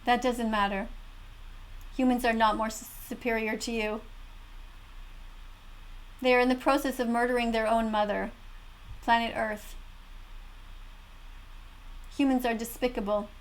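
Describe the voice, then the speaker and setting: A woman's voice: fairly high pitch, level tone, a little slow, pauses often, poor audio. A woman giving earnest, emphatic, moralizing reaction commentary as an animal rights advocate.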